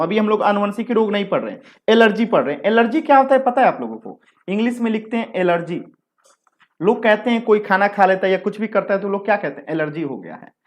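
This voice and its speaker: A male teacher giving a live exam-prep lecture. He is chatty, repeats his points, asks the class rhetorical questions and banters with students between explanations. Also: high-pitched.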